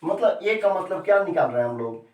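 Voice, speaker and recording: A man's voice: high voice, expressive, a little fast, a little mellow. A male chemistry teacher giving a classroom lesson who repeats key terms and keeps quizzing his students with questions. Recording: echoey room, mic set far off.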